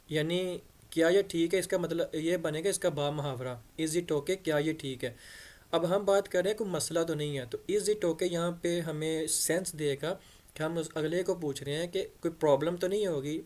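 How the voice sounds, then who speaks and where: A man's voice: a little high, normal speed, a little mellow. A man teaching English patiently, repeating phrases and spelling words out letter by letter. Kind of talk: explaining English in Hindi-Urdu.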